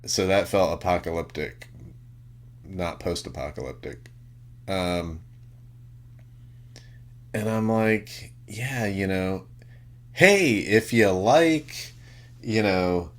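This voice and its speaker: A man with a very low voice talks slowly through an unscripted podcast chat. He rambles, loads his speech with fillers and drifts into exasperated rants sprinkled with swearing. It sounds like easygoing, off-the-cuff talk between co-hosts. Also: fairly bright tone. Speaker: podcast co-host.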